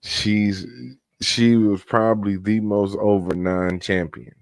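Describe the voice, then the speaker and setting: Laid-back man with a very deep voice. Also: steady tone, clear, resonant tone, no room sound, clean studio sound. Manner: laid-back, slangy, drawn-out. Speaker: podcast co-host. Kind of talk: casual wrestling review chat.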